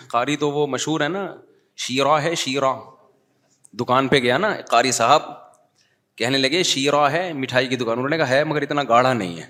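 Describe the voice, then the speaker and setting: A man's voice: medium pitch, bright, forceful tone. Man preaching in a reverberant hall. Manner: conversational, digressive, switches to quoted verses. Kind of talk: sermon.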